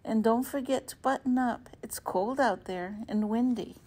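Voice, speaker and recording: A woman reading aloud, voicing a tired, sick mother who speaks softly and weakly to her daughter. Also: a little high, unhurried, husky, voice pushed up. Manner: weak, soft-spoken.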